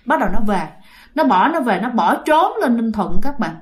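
A woman's voice: fairly high pitch, animated, moderate pace. A woman with a Southern Vietnamese accent telling a ghost story, chatty and dramatic, addressing her listeners directly. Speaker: storyteller host.

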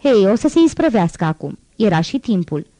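A woman's voice: mid-range voice, big pitch swings, no echo. A woman reading an audiobook voices a harsh, bullying male police inspector who barks contemptuous orders. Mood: barking. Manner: barking, contemptuous shouts.

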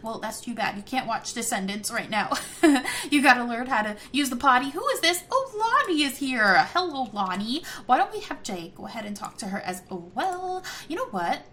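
A woman's voice: on the high side, moderate pace, slight background noise. Chatty giggly young woman playing a game. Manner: chatty, giggly, easily excited. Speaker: gameplay commentator. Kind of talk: casual gameplay commentary.

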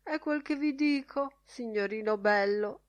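A woman's voice: medium pitch, animated, unhurried, fairly bright tone, voice pushed up. A woman reading an audiobook, voicing a mocking, theatrical young man who slips into a whining comic dialect.

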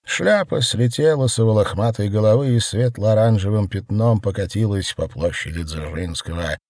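A man reading a novel aloud as narrator in an even, measured way. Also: on the low side, dry recording, studio quality.

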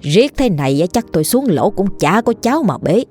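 A woman voicing a spiteful old village mother-in-law who scolds and wails in a sour, shrill way. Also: sing-song, a little fast, darkish tone, faint music behind. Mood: shrill scolding.

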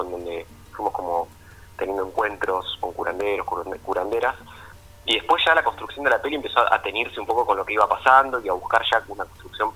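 A man with an Argentine accent, a documentary filmmaker, gives a casual phone interview in a lowish, husky voice with a bright, forceful tone. His explanations are informal, and he checks with the listener through little tag questions.

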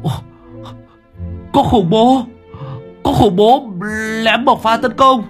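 A man voicing a bald, panicky old neighbor who wails in a shrill voice, in a comic audio story. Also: takes it slowly, faint music behind. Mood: panicked. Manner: wailing, shrill and frantic.

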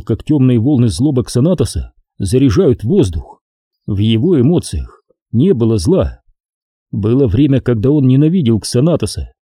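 A male narrator reads an adventure novel aloud with steady, expressive storytelling. His voice is deep-toned and very mellow, with a husky edge. The sound is close and dry, with no room around it. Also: no room sound. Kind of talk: audiobook narration.

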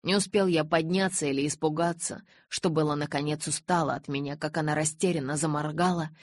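A woman narrating a novel in the first person in an even, measured reading voice. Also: deep voice, no room sound. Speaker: audiobook reader.

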